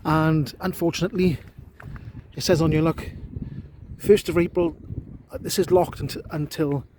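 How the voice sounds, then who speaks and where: A man's voice: on the high side, steady tone, moderate pace, darkish tone, slight background noise. A man with a South Wales Valleys accent, chatting casually to a handheld camera outdoors in an informal vlog style. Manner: chatty, often tags remarks with "look". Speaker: vlogger reviewing an electric bike. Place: outdoors on paths in a park.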